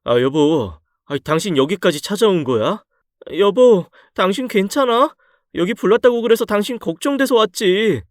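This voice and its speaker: Storybook drama: male reader playing an anxious, furious young wife, high-pitched and swinging. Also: animated, moderate pace, no echo, studio quality. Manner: shrill, emotional pleading. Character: distraught young wife, shocked and angry.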